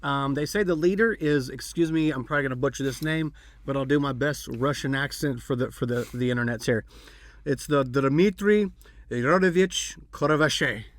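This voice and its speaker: A man's voice: mid-range voice, a little fast, no echo. A man hosting a podcast, chatting casually and rambling with fillers and restarts. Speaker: podcast host. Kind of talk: casual chat.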